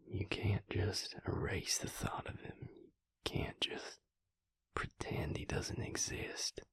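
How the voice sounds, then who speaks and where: In an intimate audio roleplay, a man voices a vampire mate who is protective, tired, yet tender, speaking in a hushed, breathy, gravelly way that is deliberate and reassuring. His pitch leans low, the recording is dry, and the voice is exaggerated.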